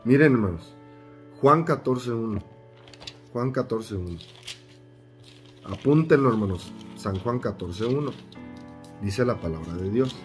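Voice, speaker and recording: Emphatic preacher man over soft guitar. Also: mid-range voice, animated, unhurried, long pauses. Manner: emphatic, repeats phrases, asks the congregation questions. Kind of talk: sermon with scripture reading.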